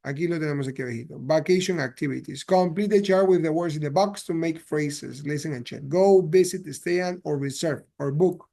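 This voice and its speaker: A man's voice: a little high, normal speed, few pauses, mellow. A man with a slightly raised voice explains grammar patiently to his students. He switches easily between Spanish and English. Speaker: English teacher. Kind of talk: classroom grammar lesson.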